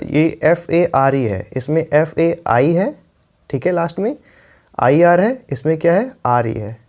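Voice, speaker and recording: A young man with an Indian accent teaching an English grammar lesson. His voice is mellow and warm at an average pitch. He explains patiently and repeats each example sentence slowly, as if for dictation.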